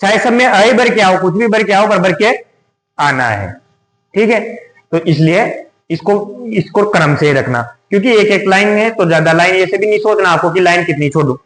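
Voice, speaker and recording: Man, teacher, high voice, rhetorical questions, repetitive, roomy echo. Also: fairly quick, a bit bright. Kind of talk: exam tips lesson. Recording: echoey room.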